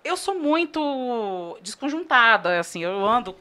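A woman's voice: on the high side, unhurried. A Brazilian woman, a TV news editor, telling funny work stories in a casual podcast chat. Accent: Brazilian Portuguese. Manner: lively storyteller, laughs while telling anecdotes.

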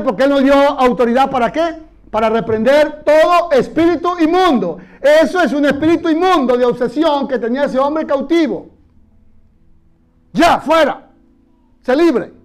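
A man with a very high voice preaches to his congregation, calling out lines for them to repeat. He speaks as their pastor, moving between teaching and rallying the room. His voice sits well above most men's. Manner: animated preaching, leads congregation in call-and-response. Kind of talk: sermon.

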